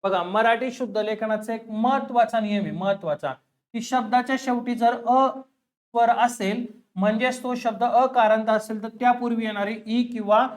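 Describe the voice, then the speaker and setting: A man's voice: very high voice, fairly even intonation, moderate pace. Man teaching exam prep, quizzing and answering himself. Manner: asks the class questions and answers them himself, repeating key words. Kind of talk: exam-prep lesson solving questions.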